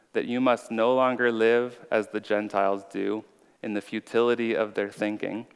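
An informal preacher with a slight stutter, his voice lowish and clean, gives an earnest, conversational sermon sprinkled with personal testimony. The setting is a large room, and the recording has a reverberant hall sound.

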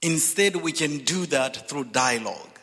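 Zambian guy giving a slow earnest talk, bright tone, echoey big church. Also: on the high side, animated, soft background music. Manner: earnest, deliberate, repeats words when building a point. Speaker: speaker at a church reconciliation event. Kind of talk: reflective speech to an audience. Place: large church sanctuary. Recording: long hall reverb.

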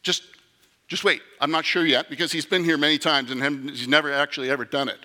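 A man voicing an eager male scout angel who excitedly watches earth, talking hopefully and in a hurry. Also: a little high, fast, long reverb tail.

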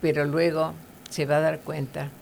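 A woman's voice: low-pitched, flat delivery, moderate pace, creaky, darkish tone, a little hiss or hum. A woman giving earnest, conversational Bible teaching, with fillers and tag questions.

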